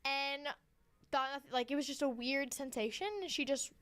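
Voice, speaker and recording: A woman's voice: sits high, fairly even intonation, normal speed, fairly bright tone, no echo. A woman co-hosting a podcast, telling stories in casual chat with lots of fillers and restarts. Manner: chatty storyteller, many fillers. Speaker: podcast co-host.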